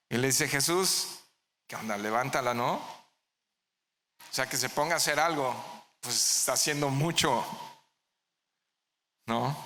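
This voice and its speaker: Pastor, male, bright forceful tone, quizzes the congregation, reverberant church hall with faint hiss. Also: mid-range voice. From Mexico. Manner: asks the congregation questions, answers them himself. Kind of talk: verse-by-verse sermon.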